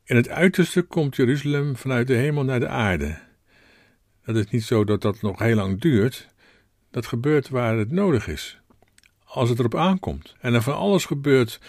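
A male pastor delivering a sermon, telling a personal story in a reflective, gently rhetorical way. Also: medium pitch, animated, moderate pace, no echo, clean studio sound.

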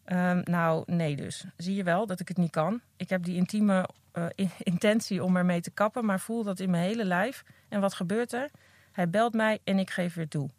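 A woman's voice: fairly low pitch, fairly even intonation, moderate pace, darkish tone, dry recording. A woman reading aloud from her own memoir in an earnest, candid first-person voice, recorded close on a podcast mic. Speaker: recovering addict reading from her own book.

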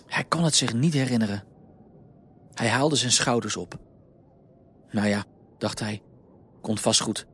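A man reading a children's story aloud in a calm, lively storytelling manner. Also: mid-range voice, slight background noise.

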